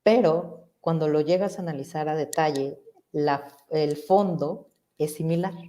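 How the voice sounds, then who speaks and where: Low-voiced, mellow woman psychologist. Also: a little slow. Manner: reflective, asks rhetorical questions. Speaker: psychologist guest. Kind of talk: conversational explanation.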